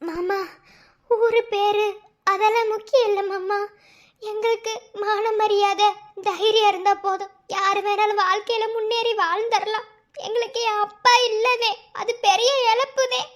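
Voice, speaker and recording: A woman's voice: very high voice, flat delivery, measured pace. A woman voicing a brave young daughter in a cartoon, speaking steadily and earnestly with a Madurai Tamil accent. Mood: firm. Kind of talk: cartoon voice acting.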